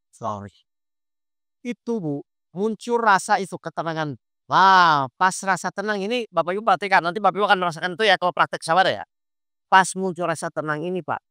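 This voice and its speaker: A man delivers a lively sermon, constantly testing his listeners with quick questions. His voice is bright and crisp. The sound is dry and close. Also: sits high, no echo. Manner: quizzes the audience with quick rhetorical questions; lively, conversational preaching. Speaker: Islamic preacher. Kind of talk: sermon to a congregation.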